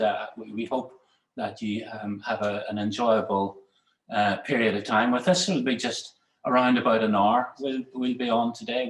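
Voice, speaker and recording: A man hosting a business webinar, talking in a halting way and often restarting and repeating words. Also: mid-range voice. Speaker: webinar host. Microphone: webinar call. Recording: roomy echoey sound.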